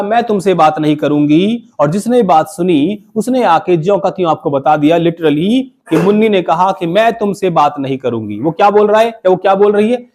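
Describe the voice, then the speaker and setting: Male teacher in a classroom, high bouncy voice, keeps asking the class to repeat stuff. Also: darkish tone. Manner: call-and-response questioning, repeats key terms. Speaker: English teacher. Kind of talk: classroom grammar lesson. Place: classroom with students.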